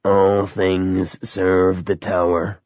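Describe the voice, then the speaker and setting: A man voicing a menacing, inhuman male creature in a yellow coat who speaks slowly in a buzzing, meditative, lecturing way. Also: low voice, flat delivery, no echo, muffled recording, exaggerated voice. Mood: cold lecturing. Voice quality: buzzing, slow and measured.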